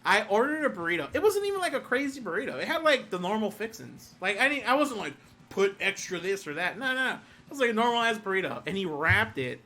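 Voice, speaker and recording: Bright, lively young streamer laughing through stories. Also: medium pitch, quick pace. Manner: laughs often, swears freely, animated storytelling. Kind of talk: casual chat on a live stream.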